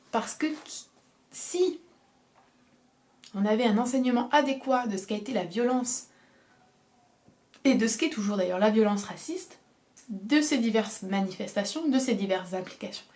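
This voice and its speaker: A woman's voice: mid-range voice, a little mellow. A young woman from southern France with a southern French accent, giving an earnest, emphatic opinion monologue and repeating her key phrases. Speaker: video essayist.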